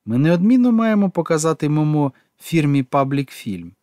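A man's voice: on the high side, sing-song, moderate pace, mellow, no room sound, studio quality, voice pushed up. A man voicing a showy, publicity-minded lady who talks in an effusive, scheming way.

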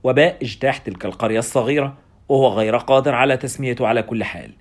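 A man's voice: mid-range voice, very fast. A man narrating a story in the first person with dramatic delivery. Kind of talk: audiobook narration.

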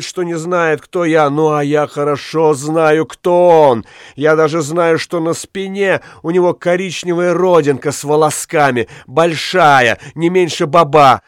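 A man's voice: high-pitched, no echo, studio quality, voice pushed up. A man reading an audiobook, voicing a crazed old woman accused of witchcraft who pleads and raves feverishly.

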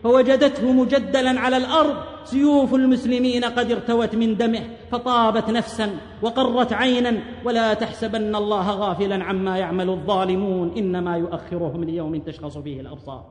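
A man's voice: high voice, steady tone, fairly quick, hardly any pauses. A man preacher telling stories in an impassioned, oratorical sermon, with rhetorical flourishes and recited verse. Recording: echoey hall with long reverb.

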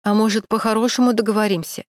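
A woman's voice: mid-range voice, steady tone, fast, dry recording, clean studio sound, natural voice. A woman voicing a nervous male security guard who mumbles, pleads and dodges.

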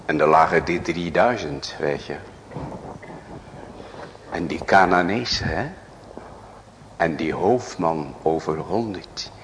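A male pastor preaching a sermon in a church, swinging from loud cries to hushed whispers and asking many rhetorical questions. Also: very deep voice, slow pace, pauses often, long reverb tail, slight background noise.

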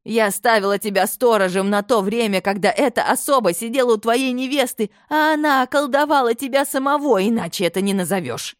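A woman voicing an imperious, domineering aristocratic mother who scolds in a shrill, commanding tone. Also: sing-song, moderate pace, darkish tone, dry recording, studio quality. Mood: furious.

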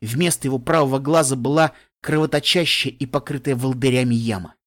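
A man's voice: mid-range voice, fairly even intonation, a little fast, a bit bright. Male narrator, fan audiobook, emotional and shifting.

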